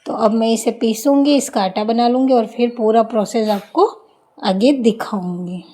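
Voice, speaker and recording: A woman's voice: on the high side, moderate pace. A young woman, chatting casually at home as she explains her household chores step by step. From India. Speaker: vlogger. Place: home, indoors.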